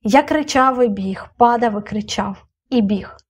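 A woman reads a children's novel aloud in scripted audiobook narration. Her voice sits fairly high for a woman. She keeps a steady storytelling delivery. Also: a little slow, breathy edge. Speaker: audiobook reader.

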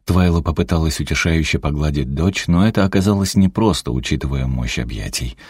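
Low, husky male audiobook narrator. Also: fairly quick, a little mellow, no room sound, studio quality.

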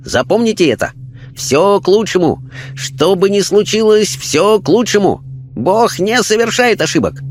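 High-voiced calm spirit guide, unhurried and wise, as a man puts him on, storybook reading. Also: a little hiss or hum. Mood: serene. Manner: serene, slow, sage-like. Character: calm mysterious male Chinese spirit.

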